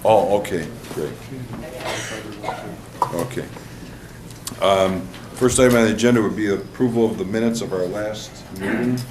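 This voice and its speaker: A man serving as mayor, chairing a council meeting while under the weather, relaxed and joking, clearing his throat. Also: on the low side, normal speed, long pauses. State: under the weather, cold medicine. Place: council chamber. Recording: echoey room from far off with noise.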